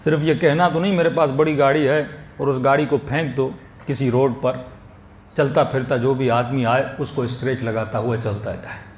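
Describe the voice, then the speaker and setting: A man's voice: a little high, slight background noise. A man preaching a Muharram sermon in a mosque, building through rhetorical questions to impassioned emphasis. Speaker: Shia cleric giving a Muharram majlis. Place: mosque hall. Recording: echoey mosque hall, faint ambience.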